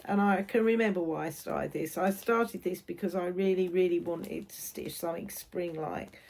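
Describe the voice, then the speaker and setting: A woman's voice: lowish voice, steady tone, moderate pace, creaky, darkish tone. A woman with a British accent chatting casually as a vlog host, often repeating phrases for emphasis. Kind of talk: casual chat.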